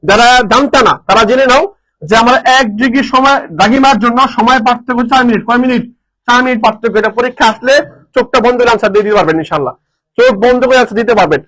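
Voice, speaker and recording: A man teaching a live online lesson, energetic, repeating answers and quizzing his students. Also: very high voice, very fast, low-quality recording. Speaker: admission coaching teacher.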